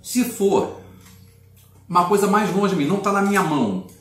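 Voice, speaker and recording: A middle-aged man teaches a relaxed video lesson and lays out each point patiently and clearly. His voice sits a bit high for a man. It carries the echo of a room and sounds set back from the mic. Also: faint music behind. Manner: clear, patient explaining with slow model sentences. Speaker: English teacher. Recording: echoey room, mic at a distance.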